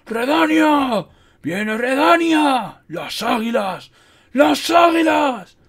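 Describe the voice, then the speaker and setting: A man's voice: extremely high pitch, expressive, very slow, shouting, a crowd in the background, pitched above the performer's own voice, full character voice. A man voicing a veteran count who bellows battle cries to his troops. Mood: bellowing. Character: shouting old battle-hardened count.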